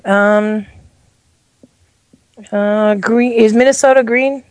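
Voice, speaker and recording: A woman's voice: a little high, fairly even intonation, takes it slowly, darkish tone, no room sound. A middle-aged woman chatting casually as a guest, hesitant and self-deprecating, often trailing off mid-thought. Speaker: guest making football picks. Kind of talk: casual chat.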